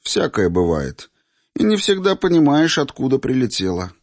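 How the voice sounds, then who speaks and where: A man's voice: medium pitch, sing-song, normal speed, a little mellow, dry recording, clean studio sound, pitched above the performer's own voice. A man voicing an arrogant young male aristocrat who threatens and sneers in an audiobook. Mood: menacing. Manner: sneering, menacing.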